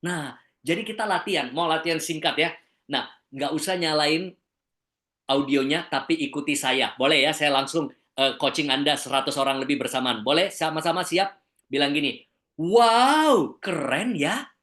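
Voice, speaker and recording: An Indonesian man coaching a large online audience on how to speak. He talks in a lively, teacherly way, swinging between flat examples and exaggerated ones to show intonation. The sound is that of a video call. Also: on the high side, normal speed. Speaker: communication coach. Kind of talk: webinar lecture.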